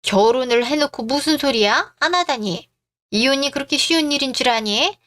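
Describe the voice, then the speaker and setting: A woman's voice: sits high, expressive, normal speed, a bit bright. A woman voicing an indignant middle-aged mother-in-law who scolds her son's wife in a radio drama.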